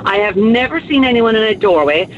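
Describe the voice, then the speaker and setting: High-voiced, emphatic Kerry woman. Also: expressive, brisk. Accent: southwest of Ireland, Kerry. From County Kerry, Ireland. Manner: emphatic, forthright. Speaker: radio phone-in caller. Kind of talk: indignant complaint on a phone-in. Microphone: telephone. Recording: dull phone-in line, faint noise.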